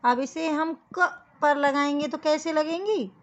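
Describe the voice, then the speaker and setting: Slow, high-voiced woman teaching children. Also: muffled recording. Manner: patient, addresses kids as beta. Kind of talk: children's Hindi lesson.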